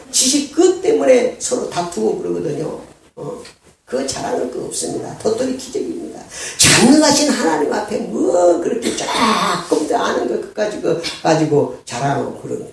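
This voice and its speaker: A man's voice: fairly high pitch, gravelly, warm tone. A male pastor preaching a sermon in a church sanctuary, emphatic, drawing amens from the congregation with rhetorical questions. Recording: echoey church hall, distant mic, faint noise.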